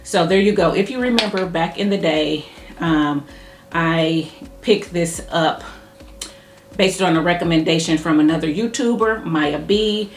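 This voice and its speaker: A woman chatting casually as she reviews a hair product, talking fast and thinking aloud while she styles her hair. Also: fairly low pitch. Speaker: hair care YouTuber. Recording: echoey room with faint music.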